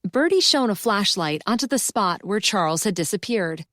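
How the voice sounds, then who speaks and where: A woman's voice: medium pitch, animated, normal speed, a bit bright, no room sound. Woman narrating a cozy mystery, dry studio sound. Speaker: audiobook narrator. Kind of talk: scripted first-person cozy mystery narration.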